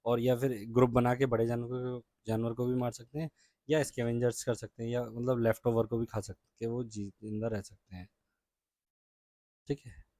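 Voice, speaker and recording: Indian teacher explaining, close and dry. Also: male voice, mid-range voice, little pitch movement, warm tone, dry recording. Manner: reads English lines slowly, then explains in Hindi with frequent "ठीक है?". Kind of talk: explaining a science chapter to children.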